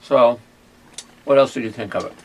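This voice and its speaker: A man hosting a casual food tasting video, talking in a halting way with many pauses and fillers. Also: medium pitch. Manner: hesitant, many fillers and restarts. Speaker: ministry owner and host. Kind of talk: casual chat and taste test.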